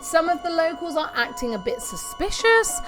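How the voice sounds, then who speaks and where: Music plays behind a woman whose very high voice swings widely in pitch at a normal speed. She's doing a casual game walkthrough, chatting to herself and reading on-screen text aloud.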